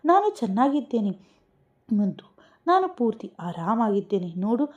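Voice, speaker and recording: A woman's voice: a little high, sing-song, moderate pace, lo-fi sound, voice pushed up. A woman voicing a frightened, tender young husband who pleads in a tearful, affectionate way. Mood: pleading.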